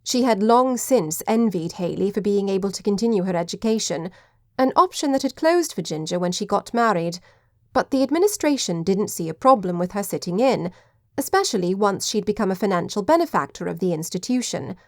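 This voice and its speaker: A woman reading audiobook narration in a measured, even way. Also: medium pitch, dry recording, clean studio sound. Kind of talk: scripted narration.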